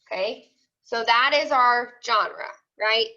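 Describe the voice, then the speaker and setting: Over dull, lo-fi video call audio, a woman teaches kids in a casual online lesson, walking through each step and often making sure they keep up. She's an elementary school teacher with a slightly high, sharp voice, and she speaks slowly.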